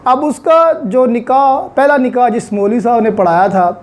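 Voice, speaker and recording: This is a very high male voice at a moderate pace, carrying a Pakistani accent. He's explaining law in lecture form, restating ideas as he goes and mixing English terminology into his teaching.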